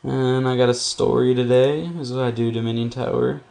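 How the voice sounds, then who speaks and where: A young man with a gravelly, creaky edge to his voice, pitched right in the middle, rambles through a profane story while he plays a game. His delivery is laid-back and casual, like a gaming vlogger talking to his viewers. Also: steady tone, brisk, dark tone.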